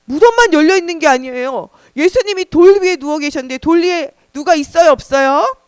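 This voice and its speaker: A woman pastor telling a Bible story at a children's service, animated and asking the children questions. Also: high voice, a little fast, no echo, clean studio sound. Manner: animated, asks children questions, gasps for drama. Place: church.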